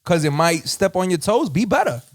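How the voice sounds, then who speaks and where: A man with a New York accent, co-hosting a casual hip hop podcast and telling profane, animated stories. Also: sits high, a little fast. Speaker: podcast co-host. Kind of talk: casual chat.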